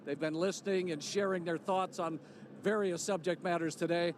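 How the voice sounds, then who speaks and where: Brief: fluent male field reporter outdoors, fairly high voice, faint traffic behind. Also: fairly even intonation, normal speed. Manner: fluent, descriptive. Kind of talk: live news reporting. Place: outdoors on a downtown street.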